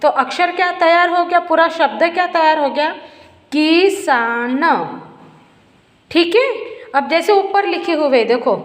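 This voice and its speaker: Woman teacher, high voice, very slow, repeating for small children, echoey room. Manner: slow, drawn-out and repetitive, asking questions and answering them herself. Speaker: primary school teacher. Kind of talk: slow Hindi letter-and-matra lesson for first graders. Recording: echoey room with long reverb.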